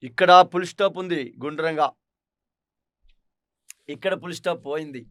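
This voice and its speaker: A man's voice: fairly high pitch, steady tone, moderate pace, no room sound. A man teaching an English grammar lesson, explaining step by step and asking his class rhetorical questions. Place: online teaching studio.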